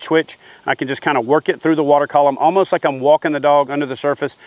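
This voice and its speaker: A man's voice: mid-range voice, no echo. Man giving outdoor fishing tips. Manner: practical, steady explaining with hands-on demonstration. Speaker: fishing instructor. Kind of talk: instructional talk to camera. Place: outdoors by a wooden shed. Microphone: lapel mic.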